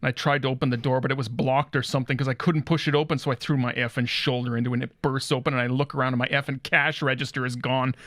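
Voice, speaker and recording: A man's voice: mid-range voice, level tone, quick pace, few pauses, fairly bright tone, dry recording, studio quality, close to an everyday voice. A man playing a crude, cocky guitar store owner who brags about rock and says 'effing' in place of swears. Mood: cocky boasting. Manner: swaggering, swaps swears for 'effing' and 'F'. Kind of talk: comedy character monologue.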